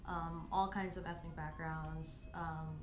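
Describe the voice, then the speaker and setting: A woman's voice: low-pitched, level tone, takes it slowly. Chatty young woman in echoey room. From Southeast Michigan, USA. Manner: chatty, frequent "like" and "you know", laughs often. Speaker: guest, anti-racism educator. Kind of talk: casual conversational interview. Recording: echoey room with faint noise.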